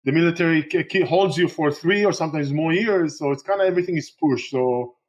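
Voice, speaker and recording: Israeli-born man, halting, lo-fi. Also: a little high. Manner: halting, many fillers and restarts. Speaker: guest, real estate investor. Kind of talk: casual interview talk.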